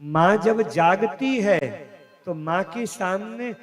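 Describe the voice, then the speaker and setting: A male preacher recounts a devotional story at a slow, deliberate pace, swelling and dropping for dramatic effect. His fairly high voice rings out in a long hall reverb. Faint instrumental music plays underneath. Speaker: katha preacher. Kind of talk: devotional scripture storytelling sermon. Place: live religious gathering.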